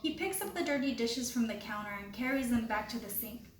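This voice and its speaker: A woman, a teacher, reading a children's picture book aloud in a clear, expressive storytelling voice. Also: a little high, fairly quick. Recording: roomy with faint background hiss.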